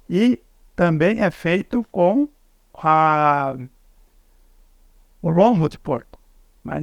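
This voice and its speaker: Southern Brazilian man cooking on camera, fairly high voice, dry close sound, explains each step. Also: gravelly, no echo. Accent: southern Brazilian Portuguese. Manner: explains step by step, halting restarts. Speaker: cook. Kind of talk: cooking demonstration.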